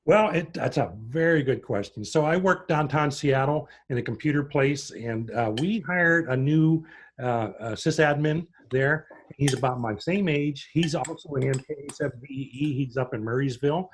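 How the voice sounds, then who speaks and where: A man's voice: medium pitch, moderate pace, a little hiss or hum. A middle-aged man from Pittsburgh introducing himself on a video call, chatty and rambling as he tells his story. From Pittsburgh, USA. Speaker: prospective club member.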